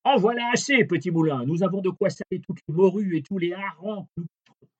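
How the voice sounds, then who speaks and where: A man voicing a greedy, hot-tempered ship captain who barks shrill orders. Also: fast, slightly rough. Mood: furious. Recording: dull lo-fi recording.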